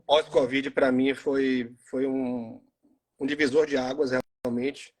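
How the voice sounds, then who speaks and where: A man in his forties from Salvador with a Bahian Brazilian accent, chatting casually as a guest on a live video call and pausing often with fillers. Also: medium pitch. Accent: Bahian Brazilian Portuguese. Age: 40s. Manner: relaxed, halting with frequent fillers. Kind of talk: casual live stream chat. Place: at home in Salvador.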